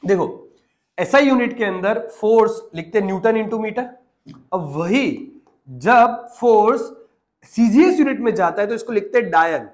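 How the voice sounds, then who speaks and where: A man's voice: high-pitched, lively intonation, measured pace. A man teaching a physics lesson online, coaxing the class along and asking check questions as he works through units. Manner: coaxing, asks the class check questions, mixes English terms into Hindi.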